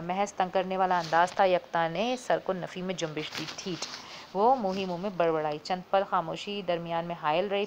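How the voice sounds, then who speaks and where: Low-voiced woman narrating a novel. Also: a little hiss or hum. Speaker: audiobook narrator.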